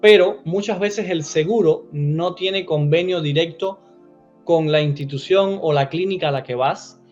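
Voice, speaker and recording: A man in his forties speaks earnestly as an interview guest, acting out quotes with animation. His voice sits fairly high. The audio is a little dull, with faint music behind him. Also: a little slow, darkish tone. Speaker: immigrant guest. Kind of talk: casual interview chat.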